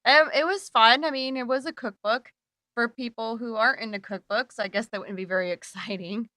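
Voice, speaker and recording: A chatty female podcast co-host who giggles easily and keeps things bubbly. Her voice is bright and slightly high. The sound is dry and close to the mic. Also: a little fast, no room sound. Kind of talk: casual chat.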